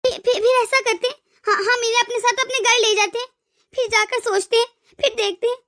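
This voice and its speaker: A woman's voice: very high voice, steady tone, fairly quick, fairly bright tone. A woman voicing an emotional young wife and devoted daughter in a cartoon story, often stammering over her words. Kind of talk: cartoon voice acting.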